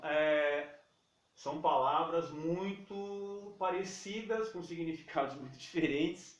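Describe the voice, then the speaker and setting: A Brazilian man teaching English pronunciation in Portuguese. He repeats each word slowly and keeps checking in with his students. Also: on the high side, roomy sound, far from the mic. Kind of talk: pronunciation lesson.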